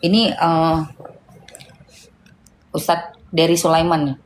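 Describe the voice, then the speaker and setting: A middle-aged woman with a lilt, hosting a livestream and reading viewer comments, shifting between heated scolding and soft chat. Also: low-pitched, little pitch movement, slow, a little hiss or hum. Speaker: livestream host.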